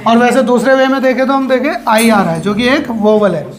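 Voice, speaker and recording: A woman's voice: a little high, steady tone. A woman teacher, giving a grammar lesson to children in a classroom. She asks questions and answers them herself, stretching out key words. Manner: drawn out, slow words for emphasis.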